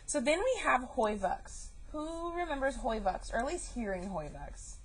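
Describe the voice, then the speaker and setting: A woman's voice: high-pitched, sing-song, moderate pace, breathy edge, poor audio. A young woman teaching a math class, chatty and joking, calling her students y'all. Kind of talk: recorded classroom lesson.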